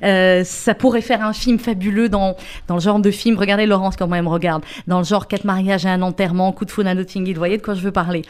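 A woman on a radio panel tells a long, lively story about a book she loves. She talks freely and animatedly. Her voice sits at a middle pitch. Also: fast talker, smooth. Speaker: radio columnist. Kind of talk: chatty book recommendation on radio.

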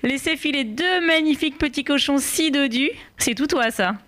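Woman playing a sly wheedling storybook author, fairly high voice, coaxing. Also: moderate pace, fairly bright tone. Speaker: guest reader.

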